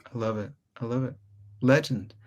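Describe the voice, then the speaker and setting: A man in a casual podcast conversation, upbeat and quick to agree. He keeps an easygoing, friendly back-and-forth with his guest, with a voice of ordinary middle pitch. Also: a little mellow. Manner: enthusiastic, agreeable. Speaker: podcast host.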